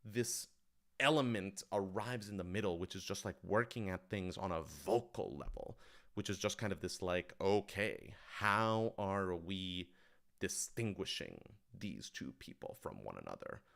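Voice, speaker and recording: Speaking casually on a livestream, this deep-voiced writer-director responds to viewer questions with considered, fairly animated explanations, frequently softening his statements on the way to the point. He sounds expressive, a touch slow, creaky, and somewhat bright.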